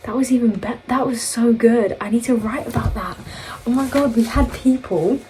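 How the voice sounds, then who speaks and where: A woman's voice: fairly high pitch, moderate pace, warm tone, rough recording. A young woman from England chatting casually while getting ready at home, rambling through a night-out story with lots of fillers and quoted dialogue. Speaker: vlogger.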